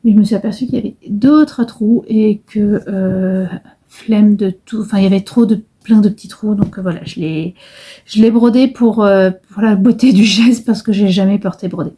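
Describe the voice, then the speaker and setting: A woman's voice: medium pitch, normal speed, mellow, husky. A middle-aged woman chatting casually in a vlog about her embroidery, hesitant and rambling with many fillers and restarts. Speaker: embroidery vlogger.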